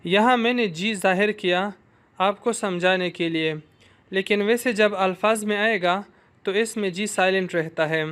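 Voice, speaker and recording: A young man teaching a language lesson, slowly and patiently repeating each syllable several times for students to echo. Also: high voice, fairly bright tone, clean tone. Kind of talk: pronunciation drill lesson.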